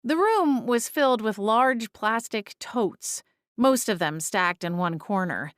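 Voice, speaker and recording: A woman's voice: fairly high pitch, animated, slow pace, no room sound, studio quality. A woman reading scripted first-person story narration as an audiobook narrator.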